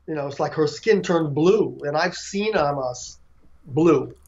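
A man's voice: on the high side, measured pace, gravelly. Man with a dull, lo-fi sound. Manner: relaxed, frequent fillers and restarts. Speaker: author and devotee. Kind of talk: storytelling in a conversation.

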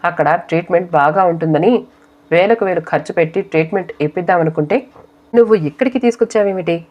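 A woman's voice: fairly low pitch, quick pace, close to an everyday voice. Woman reading a stern blunt husband. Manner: blunt, serious. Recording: dull lo-fi audio.

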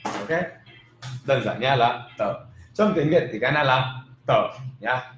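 A man teaching English pronunciation in a casual video lesson, repeating example words slowly and with emphasis. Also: medium pitch, expressive, a bit bright. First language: not Vietnamese. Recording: roomy with faint background noise.

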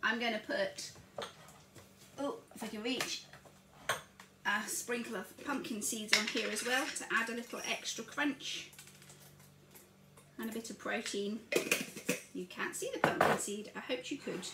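Her voice is a little high and a little slow, with frequent pauses, and the recording is very noisy. She's an older home cooking vlogger giving a casual breakfast demonstration, chatting as she narrates every step, filmed from across the counter in an echoey kitchen full of clattering dishes.

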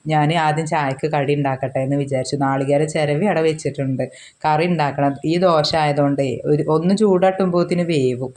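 A woman from the region with a cold and sore throat, chatting casually to viewers while cooking in her home kitchen, filmed on a handheld phone. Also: sits low. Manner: chatty, warm address to viewers as friends, frequent tag words. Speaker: vlogger, mother.

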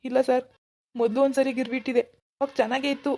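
A desperate, bewildered village man voiced by a woman begs in a cartoon, pleading fast. The voice is dark and mellow, dry, a little high for a man. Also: little pitch movement, no room sound. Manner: pleading, bewildered, keeps begging "sir". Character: anxious village man pawning his gold. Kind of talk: animated cartoon dialogue.

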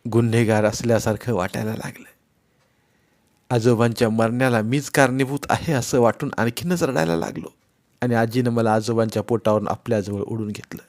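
Male narrator, audiobook reading, first-person novel, expressive, mid pitch. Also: normal speed. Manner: expressive, voices the characters.

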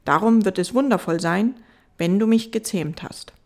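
A woman voicing a gentle, wise fox in an audiobook, earnest and patient as it explains. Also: mid-range voice, moderate pace, voice pushed up, natural voice.

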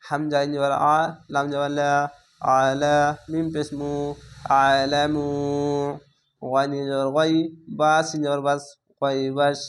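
A man's voice: a little high, monotone, normal speed, clean tone. A man teaching Quran reading, spelling out each syllable letter by letter and drawing out the long vowels in a patient lesson. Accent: Bangladeshi Bengali. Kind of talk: slow spelled-out recitation lesson.

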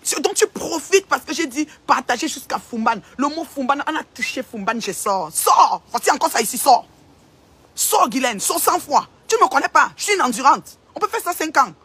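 A woman's voice: sits high, sing-song, normal speed, fairly bright tone. A woman, ranting in a confrontational livestream and repeating phrases for emphasis. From Cameroon. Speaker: online commentator. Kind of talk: livestream rant.

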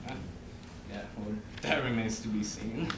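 A man's voice: fairly low pitch, a little slow, close to an everyday voice. A young man playing Death in an amateur stage play, a cunning, sardonic and gloating figure. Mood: wry, boastful. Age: young adult. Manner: gloating, sardonic, laughs often. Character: Death, a mocking, theatrical, cunning male personification. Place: indoor theatre stage. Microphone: distant camera. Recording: echoey stage, distant camera mic, noisy.

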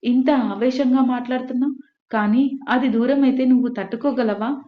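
A woman's voice: sits high, fairly even intonation, normal speed, lightly acted. A woman reading the part of a young college girl pleading with her mother. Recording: echoey room, dull lo-fi.

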